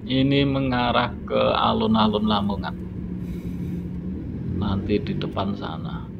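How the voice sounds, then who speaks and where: Slow, gravelly man driving. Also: on the low side. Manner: relaxed, unhurried commentary with fillers. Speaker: driving vlogger. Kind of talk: casual narration while driving. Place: inside a car at night. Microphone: phone in a dashboard holder. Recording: dull lo-fi phone audio with loud road noise.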